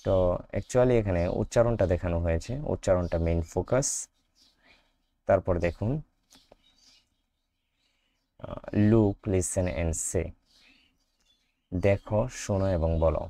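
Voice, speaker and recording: A man with a Bangladeshi Bengali accent teaching a primary school English lesson, asking questions and answering them himself, drawing out English phrases slowly and repeating sounds for practice. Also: low voice, dark tone. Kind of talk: class five English lesson explained in Bengali.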